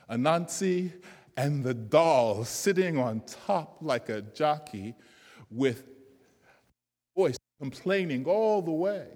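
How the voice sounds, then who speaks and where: A man telling a folk tale to listeners, slow, gentle and often dropping to quiet. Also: on the high side. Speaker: storyteller. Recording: long hall reverb.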